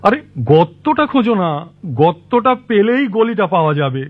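Actor as a grumbling, high-voiced uncle. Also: male voice, expressive, normal speed. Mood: impatient. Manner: skeptical, grumbling. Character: grumbling older uncle hunting for a house. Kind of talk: comic audio drama acting. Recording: dull lo-fi recording.

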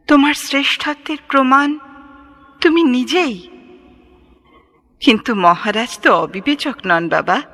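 A woman's voice: on the high side, pushed and bright, full character voice. An actress playing a loving, pious royal mother in a mythological audio drama, tender, stately and formal.

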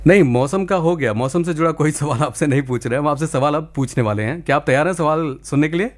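A man's voice: on the high side, quick pace. A man hosting a live radio phone-in quiz, politely encouraging and wordy, slipping some English into his talk.

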